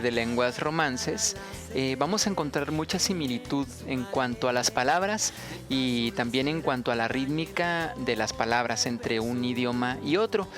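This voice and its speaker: Mexican guy explaining song rhythm step by step, kinda high voice, soft music behind. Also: clean tone. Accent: Mexican Spanish. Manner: patient, methodical, chants rhythm syllables. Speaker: songwriting teacher. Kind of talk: instructional explanation.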